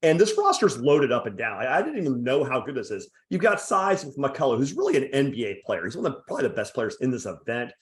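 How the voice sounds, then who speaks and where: A man's voice: medium pitch, big pitch swings, fast talker, few pauses. A man hosting a casual sports podcast interview, chatty and joking. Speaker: podcast host.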